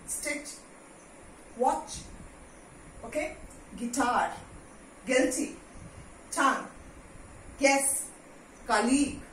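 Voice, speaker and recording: A woman teacher with an Indian accent giving a spoken English pronunciation lesson, drilling words slowly and switching between English and Hindi. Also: high voice, a bit bright. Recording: echoey room, distant mic, faint hiss.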